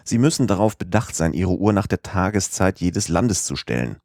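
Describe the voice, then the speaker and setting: A man voicing a suspicious police agent who asks calm, coaxing questions, in an audiobook reading. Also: low voice, normal speed, no echo, clean studio sound. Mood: probing. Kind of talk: audiobook character voice.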